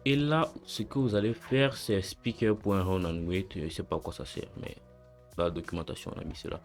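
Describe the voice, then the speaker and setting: A young man hosting a casual coding tutorial, relaxed and slangy, talking through each step aloud and correcting himself as he goes. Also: low-pitched, normal speed, soft background music.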